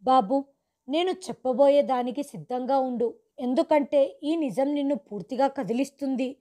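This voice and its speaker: A woman voicing a tearful older mother who gravely reveals a long-kept secret to her son, as a storybook figure. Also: high-pitched, moderate pace, warm tone, close to an everyday voice.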